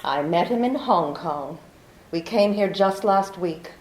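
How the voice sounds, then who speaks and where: A woman's voice: fairly low pitch, expressive, slow. A woman playing a scheming young woman who pleads melodramatically for protection, in 1940s radio drama style, in a roomy recording. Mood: guarded.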